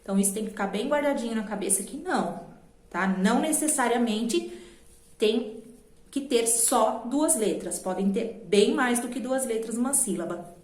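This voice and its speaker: A woman with a Brazilian Portuguese accent teaching a children's grammar lesson, patiently slowing down to spell out letters and syllables. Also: a little high, expressive, a little mellow. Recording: echoey room.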